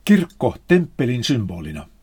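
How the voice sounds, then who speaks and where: A man reading a spiritual text aloud in a measured, solemn manner. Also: medium pitch, wildly swooping pitch, darkish tone, slightly rough.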